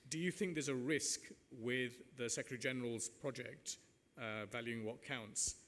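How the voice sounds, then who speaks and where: A man's voice: medium pitch, moderate pace, fairly bright tone. A man moderating a panel discussion in a conversational, discursive way. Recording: reverberant hall with background noise.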